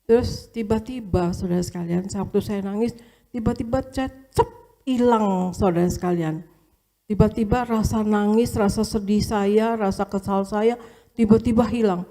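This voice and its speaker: Mellow-voiced woman telling a church testimony. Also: mid-range voice, moderate pace. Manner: storytelling, often addressing listeners as brothers and sisters; casual colloquial speech with fillers and repetitions. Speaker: pastor's wife giving a testimony.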